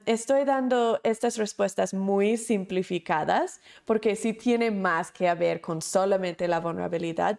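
A woman's voice: fairly low pitch, gravelly, darkish tone. A woman, teaching a recorded course in an earnest, repetitive, emphatic way. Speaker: course instructor.

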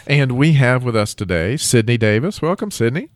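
A man's voice: mid-range voice, animated, normal speed, dry recording. A man with a New York accent co-hosting a casual chat, joking and playful. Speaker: podcast co-host.

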